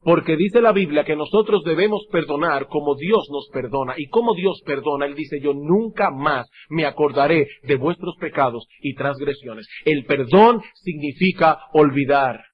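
A man preaching a sermon, swinging between shouts and low, quiet passages. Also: normal speed, few pauses, breathy edge, lo-fi sound.

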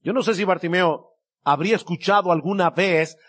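High-voiced male preacher giving a sermon. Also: fairly bright tone. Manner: emphatic, slows down to stress key words.

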